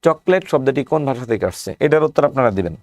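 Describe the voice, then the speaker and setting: Man with a Bangladeshi Bengali accent, exam-prep teacher, brisk, dry close-mic sound. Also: medium pitch, lively intonation, a little mellow, dry recording. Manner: walks through question lists, rhetorical questions.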